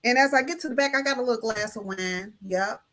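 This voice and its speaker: A woman's voice: fairly high pitch, quick pace. A woman guest on a live talk show, telling a story in casual, colloquial speech, acting out the voices of the people in it and speaking of her faith, heard over a video call. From Illinois. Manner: lively storyteller who acts out each voice in the tale. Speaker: notary guest.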